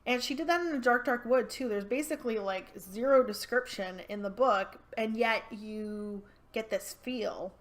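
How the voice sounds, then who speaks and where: A woman, chatting casually and rambling as she reviews a book for her vlog. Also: mid-range voice. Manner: chatty, rambling with restarts and fillers.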